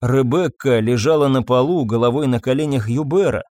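A man narrating a tense story in expressive scripted narration. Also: mid-range voice, brisk, no echo, clean studio sound. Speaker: audiobook narrator.

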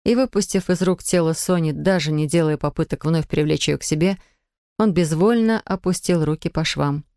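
Woman reading a novel aloud, low voice, dry close mic, calm steady pace. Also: no room sound. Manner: even, measured storytelling. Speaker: audiobook narrator. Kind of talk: scripted literary narration.

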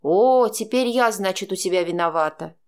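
A woman's voice: mid-range voice, expressive, moderate pace, darkish tone, clear, resonant tone, natural voice. A woman voicing a cold, sarcastic middle-aged mother who speaks in a cutting, scornful way.

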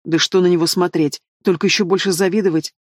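A man's voice: sits high, steady tone, fast, no room sound, clean studio sound. A man voicing a spoiled, envious young woman in an audiobook, whining and squealing. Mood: sobbing. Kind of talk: audiobook character voice.

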